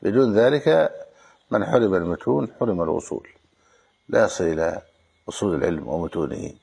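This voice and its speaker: An older man teaching as a sheikh, correcting a student's reading and giving measured, instructive advice. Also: low voice, lively intonation, creaky, a little mellow, slightly rough. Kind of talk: commenting and correcting a reader.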